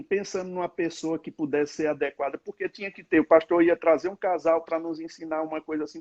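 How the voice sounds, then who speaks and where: A man's voice: a little high, a little mellow, dull audio. A man, a church apostle, reminiscing in a rambling way and often asking "né?" on a live stream. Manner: rambling, reminiscing, lots of tag questions. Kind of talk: casual conversation on a live stream.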